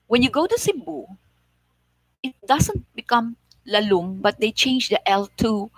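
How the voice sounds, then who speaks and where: A woman from Negros Oriental with a Filipino accent, explaining things in a measured, casual way with many repeats. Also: medium pitch, sharp tone, no echo, low-quality recording. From Philippines, Negros Oriental. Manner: slow, measured explaining with frequent "like" and repetitions. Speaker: vlogger.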